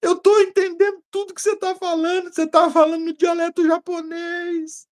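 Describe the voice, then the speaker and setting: A man voicing an astonished young man who says he understands everything he hears, spoken noticeably higher than his own voice. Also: little pitch movement, moderate pace.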